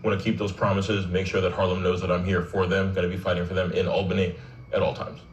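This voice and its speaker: Deep-voiced young man in a roomy feed. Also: flat delivery, far from the mic, slight background noise. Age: 20s. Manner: casual, measured, frequent "you know" fillers. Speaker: political candidate. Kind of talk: broadcast interview guest.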